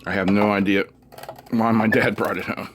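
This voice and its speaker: This electronics teardown host, a middle-aged man, speaks with a fairly low pitch, flat delivery, and moderate pace. Unscripted and casual, he mutters to himself while narrating the hands-on work; the recording is from a noisy room with clicks.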